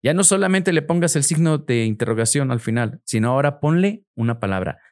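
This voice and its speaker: Animated man coaching listeners. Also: a little fast. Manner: animated, acts out inner voices with pitch jumps. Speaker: podcast host, self-help coach. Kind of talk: motivational talk.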